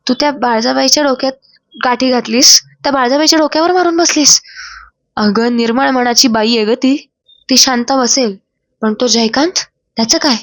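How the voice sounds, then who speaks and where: A woman's voice: sits high, moderate pace, dry recording. A woman voicing a distraught middle-aged mother who pleads tearfully and scolds shrilly, in a retold TV drama. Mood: scolding.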